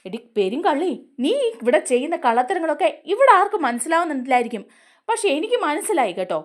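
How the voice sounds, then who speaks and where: A woman's voice: high-pitched, very animated, quick pace. A woman acting an angry young man, accusing. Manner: accusing, raised voice.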